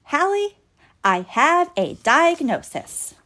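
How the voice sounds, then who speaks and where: A woman acts out a caring little girl toy doctor from a children's storybook. She is slow and clear in explaining, reassuring and matter-of-fact, with a lively lilt. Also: high-pitched, pitched above the performer's own voice, full character voice.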